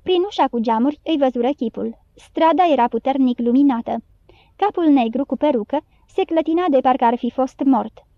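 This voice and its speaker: A woman with a high voice narrates an audiobook in steady, clear storytelling. The recording is close and dry, with a slightly dull, muffled tone. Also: dry recording. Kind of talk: scripted narration.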